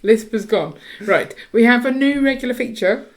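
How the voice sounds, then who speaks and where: A woman's voice: fairly high pitch, moderate pace. A woman from the UK co-hosting a casual podcast with her husband, chatty and teasing, often restarting her sentences. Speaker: podcast co-host. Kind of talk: casual chat.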